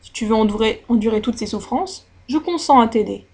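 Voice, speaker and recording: A scornful old sea witch from a storybook, as a woman reading aloud puts her on. She talks bluntly and with open mockery, making cold threats in a fairly high voice. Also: brisk, darkish tone, breathy edge. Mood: menacing.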